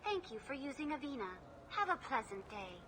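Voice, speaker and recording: A woman's voice: sits high, sing-song, a little fast, noisy background. A woman voicing a polite female AI information hologram who speaks in formal, scripted phrases. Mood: courteous.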